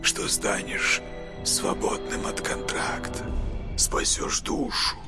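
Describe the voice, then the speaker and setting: A man voicing an eerie boy familiar spirit in a hissing, breathy whisper, soft and urgent. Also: slow pace, over loud music, lightly acted. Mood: warning.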